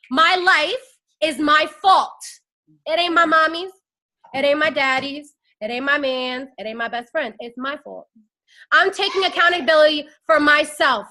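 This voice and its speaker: Speaking into a phone, a young woman in her twenties who leads a network marketing team preaches fiery motivation to her listeners. Her very high, bright voice keeps pulling them into call-and-response.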